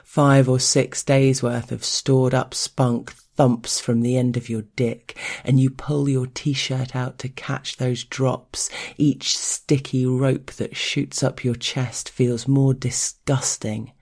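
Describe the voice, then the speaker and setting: A speaker narrating intimate erotic audio in the first person, speaking deliberately and directly to one listener. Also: medium pitch, flat delivery, gravelly, a little mellow. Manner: measured, deliberate storytelling addressed to one listener.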